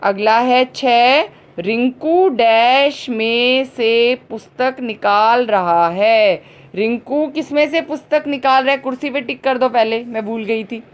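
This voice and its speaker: A woman teacher giving a grammar lesson to young children, slowly repeating each word and answering her own questions. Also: fairly high pitch. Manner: drawn-out words, slow and patient. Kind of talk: slow, clearly spoken grammar lesson for children.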